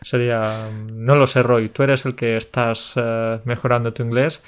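A man's voice: medium pitch, flat delivery, measured pace, slight background noise. Playful man co-hosting a podcast. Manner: friendly teasing, playful. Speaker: podcast co-host. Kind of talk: casual chat about Spanish loanwords.

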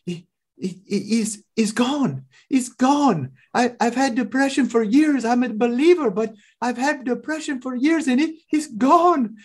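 A man voicing an amazed woman stranger who stammers and rises in pitch as she speaks. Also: normal speed, few pauses. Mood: overjoyed amazement. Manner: breathless, rising, stammering.

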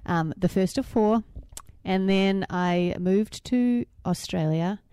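A middle-aged woman with a New Zealand accent, chatting as a co-host in a relaxed, rambling way with frequent ums and uhs. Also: medium pitch, slow, smooth, dry recording, clean studio sound. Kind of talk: casual chat.

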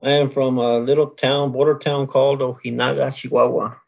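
A man from Mexico speaks in a relaxed interview. His voice is gravelly and a bit husky. He talks plainly, with a dry sense of humor. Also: mid-range voice, fairly quick, poor audio. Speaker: guest, oilfield solids control worker. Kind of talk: casual interview.

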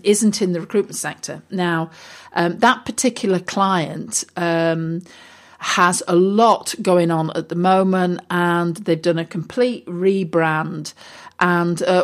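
A woman talking casually as a business coach and host, chatty with many fillers and restarts. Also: lowish voice. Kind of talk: casual solo talk.

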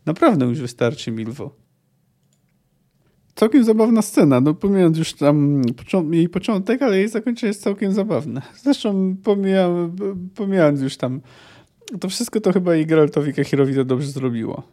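A man's voice: high-pitched, a little fast. Man reading and discussing a novel. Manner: relaxed, thinking aloud with fillers. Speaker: podcast host. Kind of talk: book reading and commentary.

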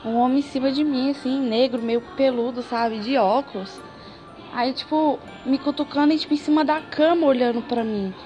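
A woman's voice: sits high, moderate pace, mellow, lo-fi sound. A woman casually telling a personal story, full of slang and repeating words for emphasis. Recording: music playing underneath.

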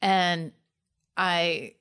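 A woman, a guest author telling a story in casual conversation, animated and laughing, with many 'like' fillers. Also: on the low side, extremely slow, smooth.

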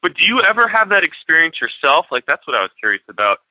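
A man's voice: fairly high pitch, very animated, quick pace, dry recording. A male podcast host asking curious questions and agreeing often in a casual interview. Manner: curious, with lots of agreeing backchannels. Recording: dull lo-fi dry sound.

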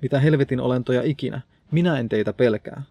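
A man's voice: medium pitch, warm tone, no room sound, natural voice. A man voicing a stern, blunt house cleaner who scolds and threatens with a mop, in an audiobook reading. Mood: defiant.

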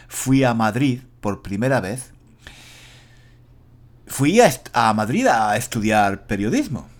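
Lively-voiced Spanish teacher from Granada. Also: male voice, medium pitch. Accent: standard Spanish, faint Andalusian trace. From Granada, Spain. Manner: clear, deliberate, names grammar points aloud. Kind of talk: slow monologue for learners.

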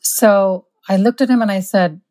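A woman's voice: mid-range voice, normal speed, warm tone. A woman physician telling workplace anecdotes in casual conversation, emphatic and indignant. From born in India, raised in the US. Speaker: physician guest.

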